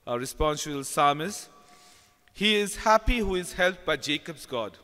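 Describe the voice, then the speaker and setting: A man with an Indian English accent, a lector leading the psalm and reading scripture slowly and deliberately, with the cathedral echo of a large church. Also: a little high, animated, pushed and bright. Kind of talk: liturgical reading. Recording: long church reverb.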